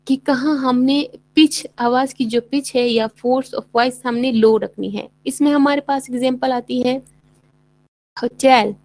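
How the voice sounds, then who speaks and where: A woman with a Pakistani accent giving a bilingual English lecture, explaining in Urdu-Hindi and reading English lines slowly and deliberately. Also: high-pitched, darkish tone, dry recording, rough recording. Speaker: English teacher.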